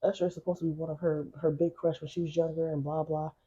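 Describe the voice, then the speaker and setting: A woman talks in a hushed, casual way, as if she doesn't want to wake the house. Her voice is very husky and dark. The recording is dull and lo-fi, made at home on podcast mics. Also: sits low, flat delivery, fast. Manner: talking quietly late at night. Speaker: podcast co-host. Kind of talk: casual chat. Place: home, at night.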